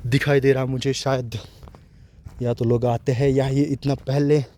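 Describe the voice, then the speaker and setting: A man narrating a walking vlog outdoors in a dense forest, chatting loudly to the camera as he goes. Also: medium pitch, level tone, a little slow. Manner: chatty, talks loudly to warn animals. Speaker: nature vlogger.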